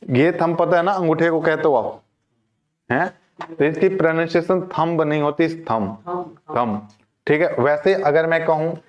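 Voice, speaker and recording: A man teaching a class, his voice sitting a little high for a man. He asks a question, waits, then answers it himself in a patient, steady classroom manner. The recording is muffled and lo-fi. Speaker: English teacher. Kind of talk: classroom lecture.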